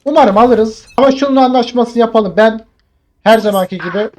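Excitable swearing young streamer man. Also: very high voice, normal speed, a little hiss or hum. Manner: swearing, excitable, joking with viewers. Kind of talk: gameplay commentary.

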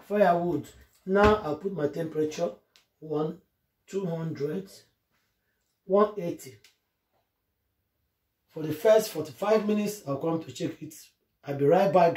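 Woman talking viewers through a recipe at home, mellow voice, roomy kitchen echo. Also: on the low side, slight background noise. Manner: chatty step-by-step instructions addressed to viewers. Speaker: cooking vlogger. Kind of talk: casual cooking tutorial.

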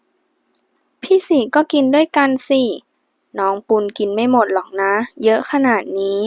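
A woman's voice: on the high side, animated, a little slow, no echo. A woman voicing a sulky, teasing young heroine in an audiobook, with pouting, bossy demands. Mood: mock scolding. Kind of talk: audiobook character voice.

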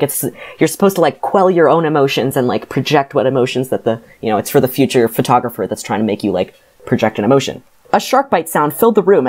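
A woman's voice: low voice, darkish tone. A woman co-hosting a podcast, recapping a book in a casual, sardonic way with many fillers. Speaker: podcast co-host.

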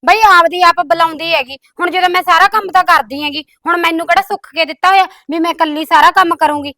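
A woman plays an overworked young sister-in-law who keeps protesting. Her voice is very high and bright, and she. She complains in a defensive, grumbling way. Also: fairly even intonation, quick pace, no echo, studio quality, exaggerated voice. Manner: complaining, protests that she does all the work. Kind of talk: comedy skit acting.

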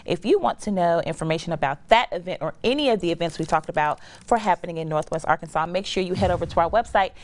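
Woman on morning tv reading event listings, bright and enthusiastic, voice a bit on the low side. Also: fast, few pauses. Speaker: morning show co-host. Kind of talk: scripted local events segment.

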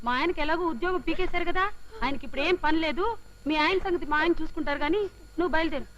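A gossipy neighbour wife, very high and rapid, dull film sound. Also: female voice, a bit bright. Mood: reassuring. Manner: gossipy, prying.

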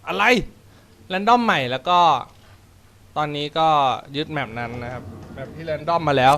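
Young male game streamer, slightly high voice, chatty and crude, yelps at scares; desk mic at home. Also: lively intonation, moderate pace, a bit bright. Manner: chatty, jokey, swears casually, yelps when startled. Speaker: gaming channel host. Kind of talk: let's play commentary.

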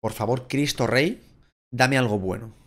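A young man from Spain with a Spain Spanish accent, giving casual, excitable, crude Let's Play commentary and shouting at the game. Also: medium pitch, unhurried. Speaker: gaming YouTuber.

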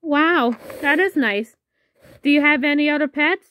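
A woman YouTuber doing all the voices in a homemade toy parody, with a halting, playful way of talking. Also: sits high, pushed and bright.

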